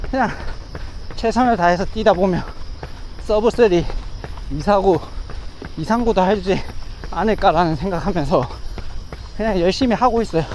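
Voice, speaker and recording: Running beside a river, a man talks casually to his camera in clipped, fragmented bits, an amateur vlogging his run. The audio is poor, with outdoor noise around a high, slightly mellow voice.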